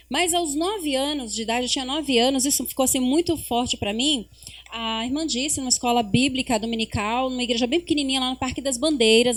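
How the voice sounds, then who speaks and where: A woman's voice: sits high, fairly bright tone. A middle-aged mother sharing family stories and her faith testimony on a church podcast. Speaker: podcast guest. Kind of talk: casual church podcast conversation.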